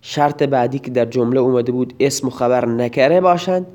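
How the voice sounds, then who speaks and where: A man's voice: medium pitch, mellow. A man teaching a recorded grammar lesson, explaining each word in turn and sometimes reciting verse in a chanting lilt.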